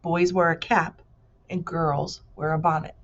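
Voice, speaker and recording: A woman reads a children's book aloud like a teacher with pupils, narrating expressively and dropping in casual explanatory asides. Her voice sits low and moves a little slowly, and the audio sounds dull.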